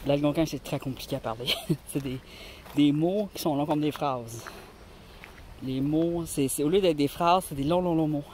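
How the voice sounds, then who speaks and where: Her voice is low and warm, at a moderate pace: a Quebec-born vlogger with a Québécois French accent, rambling amiably to viewers while searching for rocks on a mountainside. She films on a handheld phone, and light wind-like noise is audible.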